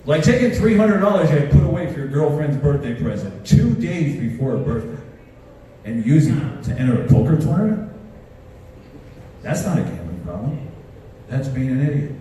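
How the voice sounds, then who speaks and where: A man's voice: fairly high pitch, very animated, normal speed, mellow. A man doing a crude, self-mocking stand-up set, telling stories and laughing along. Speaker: stand-up comedian. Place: large hall with live audience. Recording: echoey hall, from far off.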